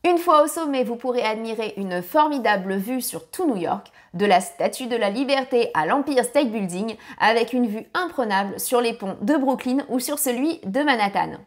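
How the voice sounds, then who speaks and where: A woman's voice: on the high side, expressive, moderate pace, hardly any pauses. A woman narrating a family travel guide with practical tips, now and then apologizing for her English pronunciation.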